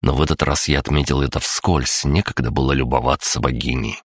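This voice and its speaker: A man narrating an audiobook in a measured, even first-person telling. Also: rumbling low, husky, no room sound, clean studio sound.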